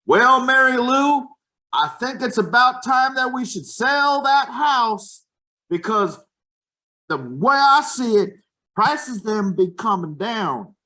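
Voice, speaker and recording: A man doing a folksy rural American man who talks in a high, loud, exaggerated drawl. The character gives blunt homespun advice, and the voice sits well above a normal speaking pitch. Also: animated, takes it slowly, exaggerated voice.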